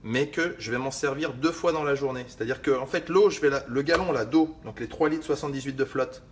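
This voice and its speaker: A man's voice: mid-range voice, a little fast. A man chatting to his viewers as he prepares a drink at home, his voice sitting in a middle register. He talks loosely and slangily, drops the odd swear word, and wanders off into asides. A faint hiss runs under the recording. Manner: slangy, swears casually, speaks straight to the viewer; rambling, with restarts and asides. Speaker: fitness vlogger. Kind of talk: casual video chat while preparing a drink.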